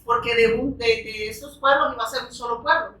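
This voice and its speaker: Woman preacher, bright higher voice, delivering a fervent sermon; recorded from a distance in a reverberant church. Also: steady tone, fairly quick. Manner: fervent, frequent rhetorical questions and amens. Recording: echoey room, distant from the mic.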